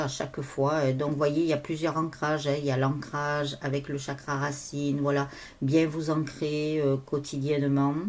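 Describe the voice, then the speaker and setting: A woman's voice: deep voice, darkish tone. A woman medium giving casual spiritual guidance, chatty and rambling with many fillers. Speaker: medium and energy healer.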